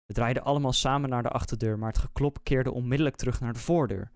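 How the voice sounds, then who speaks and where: A man, a podcast host, reading a scary story aloud in a slow, measured, suspenseful way. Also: mid-range voice, fairly even intonation, a little mellow, clear, resonant tone, dry recording, clean studio sound. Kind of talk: scripted horror story narration.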